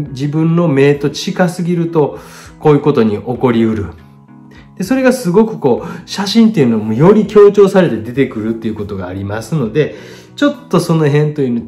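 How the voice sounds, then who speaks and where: A middle-aged man speaking with a Kansai accent walks through viewers' artworks in a chatty online critique. He talks at a middle pitch, with lively rises and drops and frequent self-deprecating asides. Faint guitar music plays under his voice.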